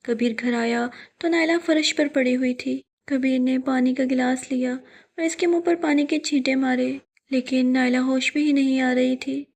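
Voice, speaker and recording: A woman storyteller narrating a scripted horror story in a steady storytelling manner. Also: high voice.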